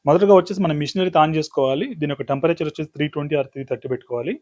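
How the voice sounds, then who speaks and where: A man runs a hands-on product demonstration, listing items and steps in quick succession. His voice sits slightly high, and he talks at a very rapid clip. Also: darkish tone, muffled recording. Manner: rapid explanatory, lists items step by step. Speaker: business demo presenter.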